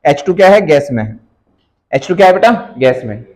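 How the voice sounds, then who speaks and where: A man's voice: fairly high pitch, big pitch swings, fairly quick, a little mellow, low-quality recording. A man teaching a chemistry class live, teasing his students and calling them by pet names while switching between languages. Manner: teasing, calls students beta, mixes English phrases.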